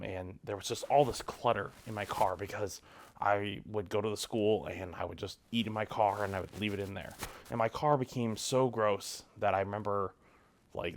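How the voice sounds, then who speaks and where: A young man talking to camera in a cold home garage, giving relaxed, rambling advice with lots of ums and likes. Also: lowish voice. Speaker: vlogger. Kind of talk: casual advice talk to camera.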